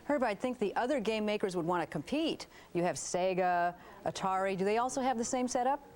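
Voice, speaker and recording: A woman's voice: medium pitch, animated, fairly quick, a little mellow. An American woman anchoring broadcast news with a scripted delivery and short questions to a reporter.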